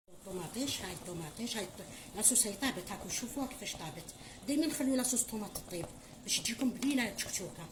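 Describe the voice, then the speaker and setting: On camera in a noisy kitchen, a middle-aged Algerian woman teaches cooking, her voice on the low side and her speech super fast. She chats away with an Algerian Arabic accent, mothering everyone, calling viewers her children and blessing them often.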